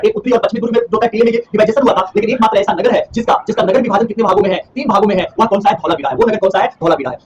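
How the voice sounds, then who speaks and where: Male teacher with a high voice, lecturing online at a rapid pace, repeats each answer for revision. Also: muffled recording, slight background noise. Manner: quizzes by asking and answering his own questions; repeats key terms for revision. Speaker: history teacher.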